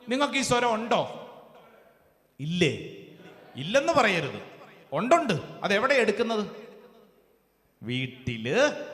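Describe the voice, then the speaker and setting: A man's voice: very high voice, pushed and bright. A male priest giving a fervent sermon, firing questions at his congregation and leading call-and-response over a PA microphone. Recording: echoey church hall with long reverb.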